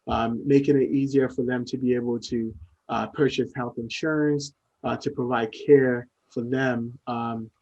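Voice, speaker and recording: A man from Ghana who founded a company, answering interview questions in a measured way with frequent pauses and restarts. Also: medium pitch, a little mellow, lo-fi sound. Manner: measured, many fillers and restarts. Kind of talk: interview conversation.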